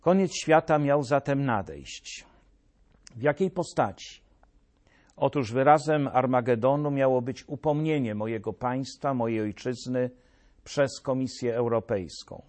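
A man's voice: medium pitch, a little slow, darkish tone. A man delivering a scripted satirical commentary with a sarcastic, mock-solemn manner, addressing his listeners directly. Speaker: political commentator.

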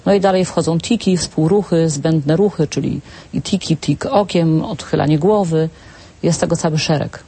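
A woman speech therapist calmly explaining clinical terms as a guest on a talk show. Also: deep voice, moderate pace, breathy edge.

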